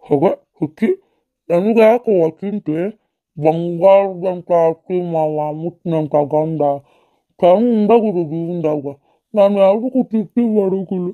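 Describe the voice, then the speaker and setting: A woman's voice: on the low side, unhurried, lightly acted. A woman voicing a bride's parent in a cartoon, with a North Karnataka Kannada accent, speaking plainly. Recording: tinny phone-like audio.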